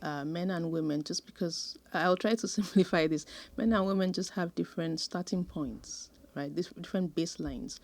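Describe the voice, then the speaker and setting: Woman guest expert, low pitch, thoughtful and measured, pauses often. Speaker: sociologist guest. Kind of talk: conversational interview answers.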